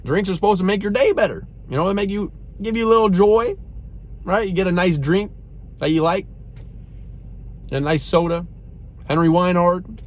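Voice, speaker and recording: A man's voice: high voice, moderate pace, pauses often. A young man reviewing a drink in a casual, exasperated rant, saying "bro" often. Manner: animated, exasperated, says "bro" a lot.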